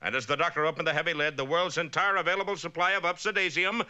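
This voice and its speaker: A man playing an arch, excitable cartoon narrator with a melodramatic announcer delivery. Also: on the high side, fast talker, clean tone, dull audio. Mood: melodramatic, brisk. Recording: faintly noisy 1960s soundtrack.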